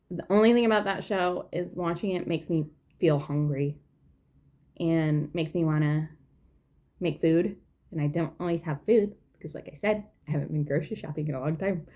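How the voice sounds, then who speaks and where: A woman's voice: sits low, moderate pace, dull audio. A young woman chatting casually at home while knitting, rambling with lots of fillers. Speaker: knitting vlogger. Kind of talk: casual chat.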